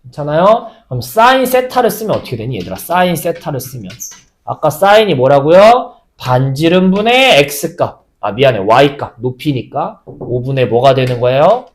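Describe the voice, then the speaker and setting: A man teaching a high school math lesson, often asking the class questions and then answering them himself. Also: big pitch swings, normal speed.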